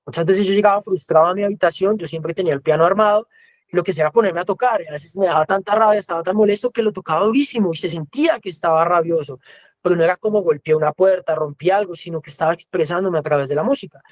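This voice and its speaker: Speaking fast in a high voice, a Colombian man lectures conversationally as a guest music teacher, frequently performing the voices he quotes. There's no room sound in the recording.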